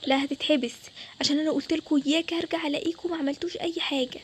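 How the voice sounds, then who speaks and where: A woman's voice: very high voice, rapid-fire, a little hiss or hum. A young woman voicing a strict, short-tempered mother who scolds and threatens her children, speaking with an Egyptian Arabic accent. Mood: threatening. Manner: scolding, loud, harsh. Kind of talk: storytelling with toy game figures.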